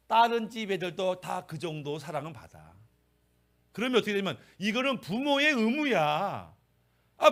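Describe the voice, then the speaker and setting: Animated, bright-voiced preaching man. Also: high-pitched. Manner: emphatic preaching with rhetorical questions. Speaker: pastor. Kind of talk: sermon.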